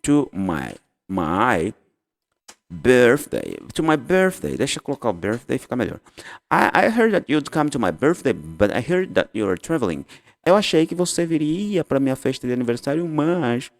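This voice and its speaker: Animated male English teacher. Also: mid-range voice. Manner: explains in Portuguese, models English phrases, repeats and self-corrects. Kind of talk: casual online lesson. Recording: long hall reverb.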